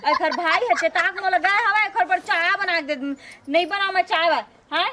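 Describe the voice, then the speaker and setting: A woman's voice: very high voice, normal speed. A woman with a Chhattisgarhi accent playing an exasperated, sarcastic village sister-in-law who nags in a broad comedy skit. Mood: exasperated, scolding. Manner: nagging, sarcastic. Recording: loud music behind dialogue.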